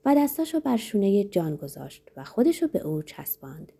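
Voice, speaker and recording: Dark-voiced woman narrating dramatically. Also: mid-range voice, big pitch swings, gravelly, breathy edge. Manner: dramatic, varied delivery. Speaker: audiobook narrator. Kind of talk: expressive audiobook narration.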